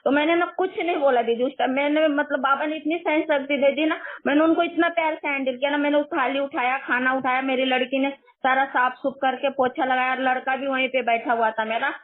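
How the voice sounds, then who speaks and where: A woman's voice: sits high, fairly even intonation, a little fast, few pauses. A middle-aged woman caller earnestly recounting a painful family episode, often pleading "didi". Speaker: caller asking for advice. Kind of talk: emotional personal account. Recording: tinny online call audio.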